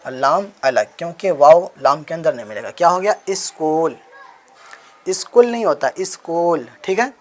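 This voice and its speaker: A man's voice: a little high, a bit bright. A man with a slightly raised voice teaches handwriting in a patient, repetitive way. He spells out each letter in turn and keeps asking questions that he then answers himself. He speaks close to the mic as he writes. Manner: spells out letters one at a time. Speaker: Urdu writing teacher. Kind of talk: explanatory handwriting lesson.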